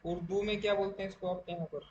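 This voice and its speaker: A male English teacher, running an online class and slowly explaining grammar with examples. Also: high-pitched, flat delivery, dull audio. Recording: echoey room with faint noise.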